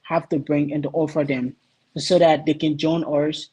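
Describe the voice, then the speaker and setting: Earnest, husky-voiced man being interviewed. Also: a little high, flat delivery, normal speed, a little mellow, rough recording. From Liberia. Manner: earnest, searching for words with many ums. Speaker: guest, youth association vice president. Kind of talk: interview answers.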